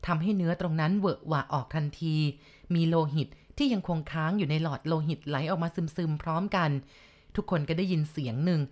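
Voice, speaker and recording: Brief: woman storyteller, lower register, steady dramatic read of a horror novel. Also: a little fast. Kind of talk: reading a horror novel aloud.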